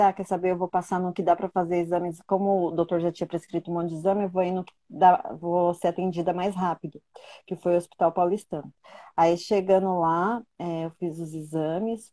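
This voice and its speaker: A woman's voice: lowish voice, mellow, dry recording. A woman, a guest telling her own cancer story in a casual, emotional way and often repeating words.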